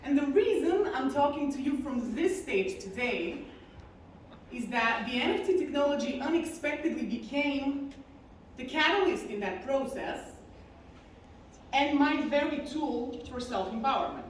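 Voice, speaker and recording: A woman from Bulgaria with a high, expressive voice tells a personal story from a large conference hall stage, earnest and confessional, slowing down on key words. The very echoey hall, distant mic, and faint noise shape the recording.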